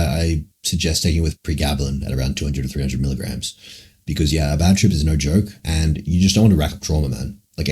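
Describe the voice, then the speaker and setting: A man's voice: rumbling low, dark tone, slightly rough. A young man livestreaming, answering chat questions in a rambling, profane, casual way, full of "like" and "man".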